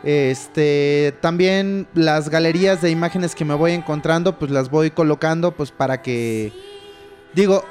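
A man's voice: on the high side, a little slow, darkish tone, soft background music. Laid-back Mexican man, slangy toy chat. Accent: Mexican Spanish. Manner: slangy, laid-back, says "güey" constantly. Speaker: podcast co-host. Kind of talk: casual chat.

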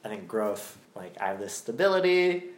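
A man's voice: lowish voice, sing-song, moderate pace. A young man rambling in casual chat as a podcast co-host, with lots of fillers and frequent laughs. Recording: echoey room.

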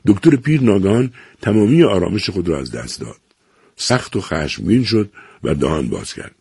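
A man narrating a novel aloud in a measured, even storytelling manner. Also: low-pitched, gravelly, slightly rough, dry recording, clean studio sound. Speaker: audiobook narrator.

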